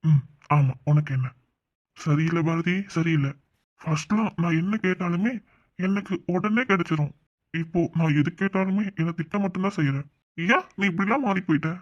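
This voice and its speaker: A man voicing a gentle cartoon boyfriend, lo-fi. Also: a little high, moderate pace, close to an everyday voice. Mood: teasing. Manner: gentle, coaxing. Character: young man in love, soothing and teasing. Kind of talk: cartoon voice acting. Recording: dull lo-fi recording.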